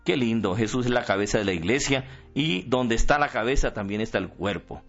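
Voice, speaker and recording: A man's voice: medium pitch, fairly quick, soft background music. Man preaching over dull radio audio. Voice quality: animated teaching, rhetorical questions. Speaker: priest. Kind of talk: sermon.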